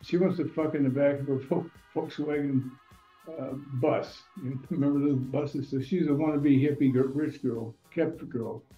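A man's voice: mid-range voice, steady tone, moderate pace. An older man telling casual, rambling stories in a blunt, profane way. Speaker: storyteller. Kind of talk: casual storytelling monologue. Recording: echoey room, slightly dull sound, faint music.

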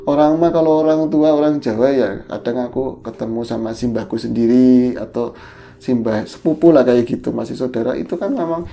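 A woman's voice: rumbling low, a little fast, vocal fry. A woman co-hosting a podcast, casually retelling a spooky story and slipping into the voices of the people in it. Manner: animated retelling, shifting into quoted voices. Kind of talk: casual horror storytelling chat.

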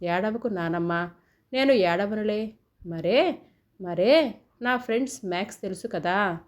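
A woman's voice: medium pitch, expressive, a little slow, natural voice. A woman voicing a young boy grandson in a storybook, sobbing and pleading as he talks. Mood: tearful. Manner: sobbing, pleading child talk.

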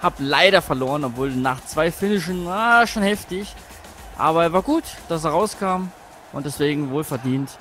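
A man commentating a wrestling video game with a friend, excitable, shouting and groaning at the action and teasing his opponent. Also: fairly high pitch, moderate pace, soft background music. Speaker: let's play co-host.

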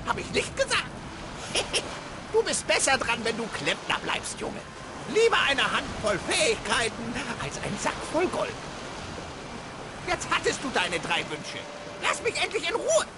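Casting: tiny mocking game leprechaun, high, wildly swooping voice, cackling and grumpy, over loud ambience. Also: wildly swooping pitch, normal speed, heavy background noise. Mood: scolding, smug. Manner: cackling, taunting, theatrical. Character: small mischievous male leprechaun, mocking and grumpy. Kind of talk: video game voice acting.

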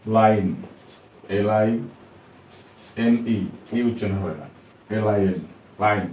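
A man with a low, mellow voice gives a patient pronunciation lesson, spelling words letter by letter. He sits back from the mic in a roomy, echoing space with a faint hiss behind him. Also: a little slow. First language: Bengali. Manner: patient, repeats and spells out letters, checks understanding. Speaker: English teacher. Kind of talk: spoken English pronunciation lesson. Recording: echoey room, distant from mic, faint background hiss.

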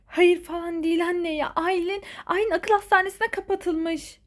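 A woman voicing a worried schoolgirl who fears for her friend, speaking anxiously and often in a hushed voice. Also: very high voice, fairly even intonation, moderate pace. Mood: urgent.

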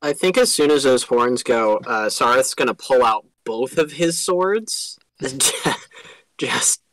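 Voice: medium pitch, slow, no echo, poor audio. A tabletop game player chatting casually about their character's moves. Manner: animated, laughing asides.

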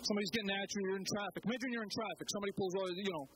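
Animated high-voiced man at open mic. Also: slight background noise, low-quality recording. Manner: animated storytelling, dramatic pauses, jumps high for emphasis. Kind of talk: spoken-word talk.

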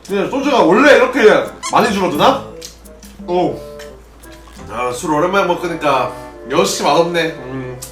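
Young man, Gyeongsang accent, high and animated streamer voice, distant roomy mic with faint music under him. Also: moderate pace, long pauses. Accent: Gyeongsang Korean. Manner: casual, rambling, answers chat questions. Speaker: streamer, former pro gamer. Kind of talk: solo drinking livestream chat.

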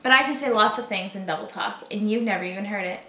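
A woman's voice: mid-range voice, fast, pushed and bright, slight background noise. A woman in her twenties with a light Boston accent, chatting casually and playfully in slangy speech. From Boston area, United States. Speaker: vlogger reading out challenge questions. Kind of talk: casual chat. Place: small room at home, indoors. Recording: roomy home echo.

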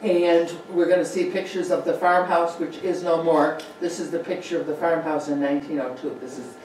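Her deep, slightly mellow voice stays fairly even at a normal speed as she gives a chatty local history talk over slides, with fillers and asides. The meeting room with a projector, far room mic and distant placement make it very echoey, with a little hiss or hum.

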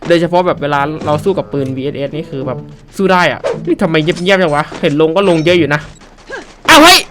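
A young man giving loud, excitable gameplay commentary, often yelling and trash-talking his opponents. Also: on the high side, fast talker. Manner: loud, excitable, shouts and trash-talks at enemies. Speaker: gaming streamer. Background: game music.

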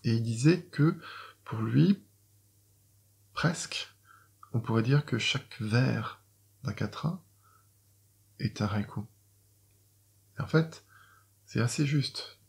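A man's voice: medium pitch, lively intonation, takes it slowly, creaky, pauses often, a little mellow. A middle-aged French man, a doctor and poet, explaining to viewers how he writes classic Chinese verse, hesitant with many fillers and restarts. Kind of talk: explaining poetry writing to viewers.

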